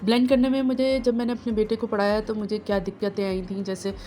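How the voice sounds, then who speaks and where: Woman slowly sounding out letters. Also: mid-range voice, level tone, mellow, soft background music. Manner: slow, drawn-out sounding of letters. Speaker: phonics teacher for parents. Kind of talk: home phonics lesson.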